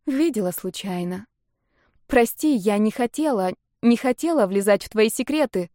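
A woman voicing excitable young violinist Marta. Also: mid-range voice, moderate pace, dry recording, clean studio sound, close to an everyday voice. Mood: anxious. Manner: excitable, blunt questions.

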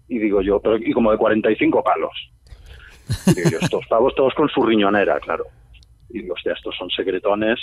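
Man, accent from Spain, husky voice, phone-like tinny sound, dry, slangy lively storytelling. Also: medium pitch, dry recording. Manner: lively storytelling, slangy, acts out his own past remarks. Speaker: guest telling a story on a radio show. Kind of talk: casual anecdote.

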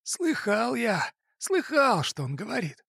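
A fat, bullying crime boss with a high, sharp voice that lurches loud and swings wildly in pitch, as a male narrator puts him on. He barks and mocks. The sound is dry and close, with a gravelly, husky edge. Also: sing-song, slow pace, no room sound, full character voice. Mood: scornful. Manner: mocking, barking.

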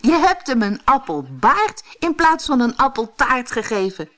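Woman voicing Brammetje Braam, a bright eager little guy. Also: moderate pace. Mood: urgent. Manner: bright, excited storybook voice, high-pitched. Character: cheerful little male forest creature, eager helper. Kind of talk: audiobook character voice.

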